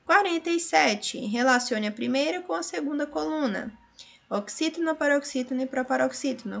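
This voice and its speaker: A woman's voice: high voice, gravelly, fairly bright tone. A woman teacher giving a recorded revision lesson, explaining step by step and often checking understanding with little tag questions.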